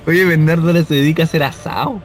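A man chats casually, asking questions and setting details straight, in a slightly high voice. Faint music plays behind him. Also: steady tone, rapid-fire. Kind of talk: casual chat.

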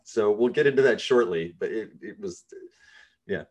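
A man hosting a podcast, interviewing his guest in a relaxed, easygoing way. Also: on the low side, normal speed, breathy edge. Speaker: podcast host. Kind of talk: casual interview.

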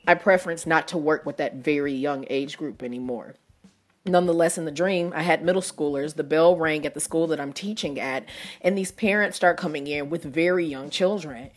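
Chatty self-mocking woman podcaster. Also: deep voice. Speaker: podcast host. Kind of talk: solo podcast monologue.

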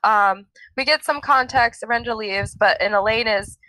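A woman co-hosting a casual book podcast, recapping the plot in an animated way and laughing often. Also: fairly high pitch, normal speed, no room sound, poor audio. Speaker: podcast co-host.

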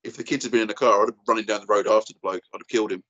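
A man's voice: on the low side, fairly even intonation, very fast, a bit bright, dull audio. A man in his thirties with an Essex accent, telling an anecdote in casual, blokey, slangy chat. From Essex, England. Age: 30s. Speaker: podcast guest and YouTuber.

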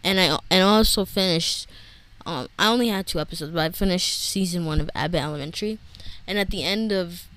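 A woman's voice: lowish voice, a little fast, a bit bright, poor audio. A young woman hosting a solo podcast, breathless and rambling with lots of fillers and restarts. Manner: scattered, many fillers and restarts. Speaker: podcast host.

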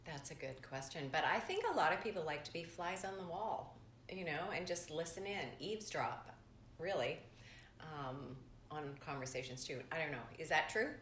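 A woman co-hosting a podcast in casual chat, speaking softly and giggling often. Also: low voice, animated. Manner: slow, giggly, soft-spoken. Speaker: podcast co-host. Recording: echoey room, faint noise.

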